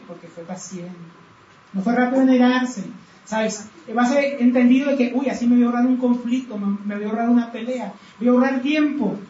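A man preaching a sermon earnestly, asking rhetorical questions and slowing down to read scripture aloud. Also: extremely high pitch, darkish tone. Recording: roomy, distant, dull sound with faint background.

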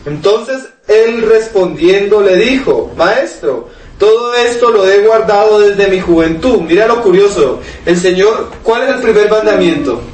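A man's voice: high voice, animated, unhurried, darkish tone. A man preaching a sermon, asking rhetorical questions and reading scripture aloud to his listeners. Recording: echoey room, mic at a distance, faint noise.

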